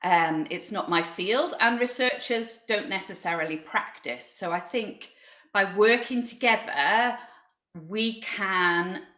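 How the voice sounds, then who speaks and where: A woman giving unscripted remarks at an online conference, reflective and hesitant, pausing mid-phrase. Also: medium pitch, sharp tone. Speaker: freelance singing practitioner, panel speaker. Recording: roomy, echoing online audio.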